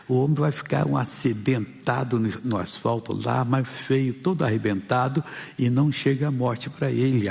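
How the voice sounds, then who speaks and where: A Brazilian Portuguese-accented male pastor with a gravelly, fry-edged voice delivers an emphatic sermon. His voice sits in the middle range and pushes up for exhortations, and a long reverb trails his words through a church hall. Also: medium pitch, darkish tone. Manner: emphatic preaching, rising for exhortations.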